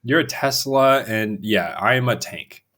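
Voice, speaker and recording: A man's voice: medium pitch, measured pace, a bit bright. A man co-hosting a podcast, teasing and quizzing his co-host in casual chat.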